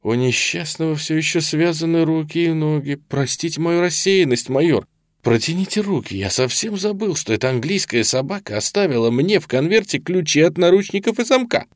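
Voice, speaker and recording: A man reading an audiobook, voicing a sly male colonel interrogator who talks smoothly and with false cordiality. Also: medium pitch, big pitch swings, moderate pace, no room sound, studio quality, voice pushed up. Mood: falsely cordial. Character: sly, ingratiating middle-aged male Soviet colonel interrogator.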